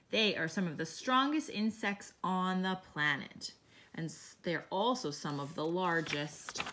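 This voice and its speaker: A woman teacher with a medium-pitched voice reads a picture book aloud to young children, gently explaining each page.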